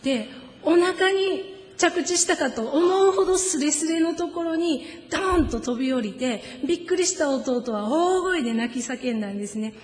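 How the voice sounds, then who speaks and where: A woman preacher, giving a sermon with gentle personal stories and slowing down for solemn points. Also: high voice, lively intonation. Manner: gentle storytelling, slows down for solemn emphasis. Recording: echoey hall with long reverb.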